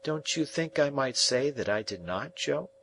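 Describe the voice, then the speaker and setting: A man voicing an earnest, wistful young male apprentice who asks soft, pleading questions. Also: medium pitch, animated, normal speed, a little hiss or hum, voice pushed up.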